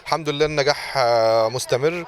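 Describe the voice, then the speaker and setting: A man's voice: medium pitch, fast talker. An Egyptian man who runs a sports academy, answering interview questions earnestly and repeating thanks.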